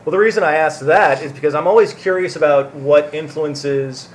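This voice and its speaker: A man interviewing an actor, asking measured questions politely and apologizing before sensitive ones. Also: a little high, a little hiss or hum.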